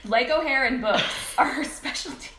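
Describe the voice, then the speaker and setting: A woman's voice: high voice, moderate pace. A woman co-hosting a podcast in casual chat, laughing often as she talks, with an echoey room sound from a faulty mic setup. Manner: chatty, laughs often while talking. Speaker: podcast co-host. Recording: echoey room, faint noise.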